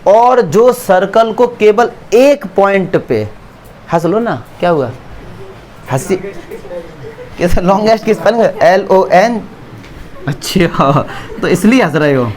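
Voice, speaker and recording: A man's voice: sits high, expressive, takes it slowly, long pauses, darkish tone. A man teaching a maths class, asking questions and answering them himself, joking with his students in the classroom. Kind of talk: classroom lecture.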